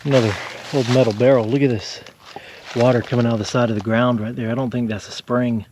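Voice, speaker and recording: A man with a drawl talks his way through an outdoor exploring vlog, relaxed and musing over each find. His voice sits at an ordinary middle pitch. Clear background noise from the outdoors runs under his talk. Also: fast. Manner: relaxed, thinks aloud about finds. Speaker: explorer vlogger. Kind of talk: casual narration while exploring. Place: outdoors in rural woods.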